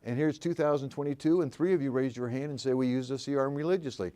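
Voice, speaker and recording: A man's voice: mid-range voice, quick pace, mellow. An older man teaching commercial real estate agents at a live seminar, telling folksy stories and asking the room questions. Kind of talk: live seminar talk to an audience.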